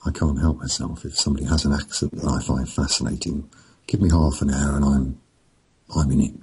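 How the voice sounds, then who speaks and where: A middle-aged man, an author, chatting casually in a slow, rambling, storytelling way with a chuckle here and there. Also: steady tone, darkish tone, poor audio. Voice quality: very deep gravelly voice. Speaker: author and podcast guest. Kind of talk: casual chat.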